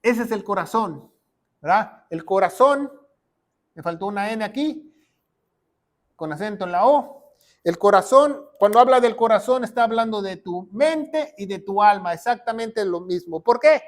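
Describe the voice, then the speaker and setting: A man's voice: high voice, animated, measured pace. A preaching man, teaching a sermon. He keeps asking the listener rhetorical questions. He reads Bible verses aloud as he explains them.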